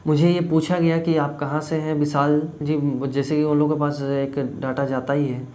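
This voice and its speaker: A man's voice: a little high, flat delivery, normal speed, mellow. A young man from Jharkhand telling about an audition in a casual vlog, rambling with frequent fillers. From Jharkhand, India. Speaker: YouTube vlogger. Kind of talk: casual talk to camera.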